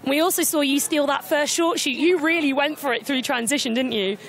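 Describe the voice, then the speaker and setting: High-voiced woman trackside interviewer. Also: brisk, a bit bright. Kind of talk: live post-race interview.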